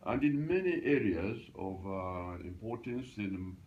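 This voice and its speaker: A man in his eighties from Uganda, reminiscing in a home interview, halting and restarting as he recalls his past. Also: lowish voice, muffled recording. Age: 80s. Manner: halting, restarts often, animated when recalling. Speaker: interviewee, grandfather. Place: grandparents' house, indoors.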